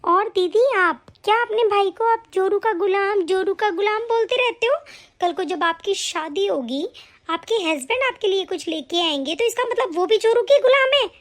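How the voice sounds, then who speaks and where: Cartoon young wife, very high-pitched, sharp, scolding, defiant. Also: female voice, expressive, normal speed. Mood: indignant. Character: young daughter-in-law, fed up and defiant. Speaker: voice actor. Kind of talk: animated story dialogue.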